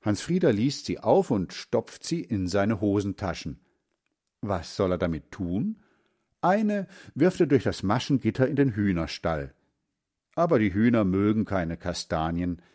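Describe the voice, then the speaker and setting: Male storyteller for children's audiobook; unhurried, lively melody. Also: fairly low pitch. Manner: slow, expressive, clear. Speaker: narrator.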